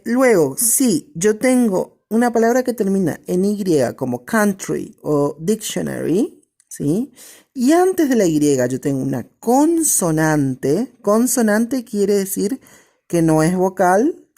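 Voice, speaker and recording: A woman teaching, speaking slowly with a lively, rising and falling pitch. Her low, mellow voice reads English examples and translates them, and she keeps checking that her students follow. Her patient classroom explanations come in small, deliberate steps. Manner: slow, patient, checks in with constant "¿sí?". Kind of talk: recorded online class explaining grammar.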